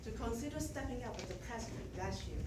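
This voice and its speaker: The outgoing president of a club, a middle-aged woman with a Chinese accent and a slightly high, expressive voice, gives a prepared speech to its members in a measured, gently self-deprecating way. She is recorded from a distance in an echoey meeting room, with clear room noise around her.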